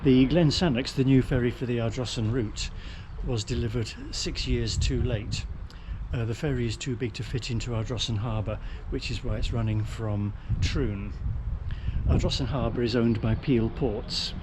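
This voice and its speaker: Wry man vlogging over clear background noise. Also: mid-range voice, steady tone, moderate pace. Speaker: vlogger presenting a travel film. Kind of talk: casual vlog commentary.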